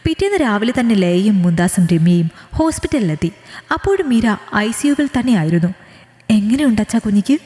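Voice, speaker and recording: Woman narrator, scripted story reading, soft earnest delivery, mellow tone, long reverb. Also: mid-range voice, big pitch swings, fairly quick. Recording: echoey room with long reverb.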